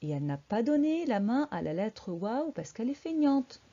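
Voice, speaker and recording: A woman teacher drilling young children through a dictation lesson, sounding out syllables slowly and exaggeratedly and quizzing the class with encouraging questions. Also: fairly high pitch, big pitch swings, dark tone, highs cut off.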